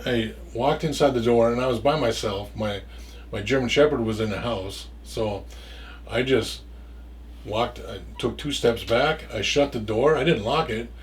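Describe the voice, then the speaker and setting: A man spins a loose, casual story, tripping over his words and repeating himself as he goes. He swears freely and never polishes a sentence. His voice sits at an ordinary middle pitch and is picked up from a little way back from the microphone. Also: far from the mic, slight background noise.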